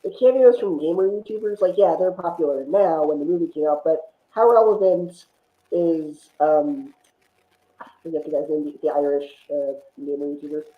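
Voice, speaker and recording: A man with a fairly high pitch talks at normal speed as a guest on a film discussion podcast. He's opinionated and rambles through the casual chat. The audio has a roomy echo and a thin, phone-like sound.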